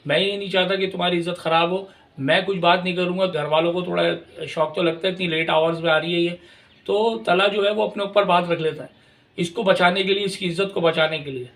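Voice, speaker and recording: High, gravelly man reviewing dramas. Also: steady tone, a little fast, fairly bright tone. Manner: rambling, repetitive, opinionated. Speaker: drama reviewer, channel host. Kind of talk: casual drama commentary. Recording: voice a little far from the mic.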